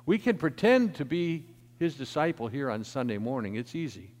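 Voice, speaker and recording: Male pastor, emphatic sermon, lively pitch, long echo of a church sanctuary. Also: normal speed. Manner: emphatic preaching that swells in volume, then drops to soft.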